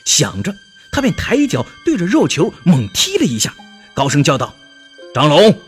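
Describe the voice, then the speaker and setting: A man narrating a scripted children's story in an expressive way, drawing out his exclamations. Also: a little high, moderate pace, soft background music.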